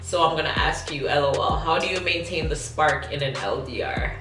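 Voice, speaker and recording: A woman answering viewer questions in a casual, chatty video, with emphatic, slangy delivery. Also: deep voice. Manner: emphatic, slangy, quick to laugh. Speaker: vlog host reading viewer questions. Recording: roomy echo, faint background music. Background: faint music.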